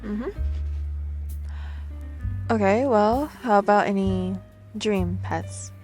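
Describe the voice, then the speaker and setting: With music behind her, a woman speaking slowly in a mid-range, slightly mellow, near-everyday voice plays a bubbly, somewhat awkward speed dater in an ASMR roleplay aimed straight at the listener. Playful and chatty, she rambles, giggles and hesitates naturally.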